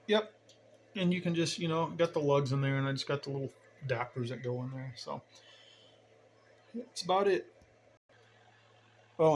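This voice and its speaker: Indoors at his radio bench, a man walks through his hobby equipment with no script, musing aloud in a rambling, folksy way as he shows off his station. His voice is mid-range with a darkish tone, and background noise is audible in the home video.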